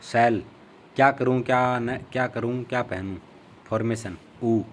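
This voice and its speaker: A man with an Indian accent teaching spoken English. He reads a Hindi sentence quickly, then gives the English translation slowly and deliberately. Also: medium pitch, steady tone, slight background noise.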